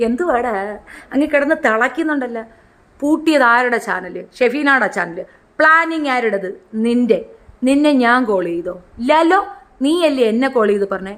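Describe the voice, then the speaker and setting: A woman's voice: fairly high pitch, lively intonation, normal speed, a bit bright. A woman channel host delivering a heated, confrontational rant to camera, scolding and taunting someone directly.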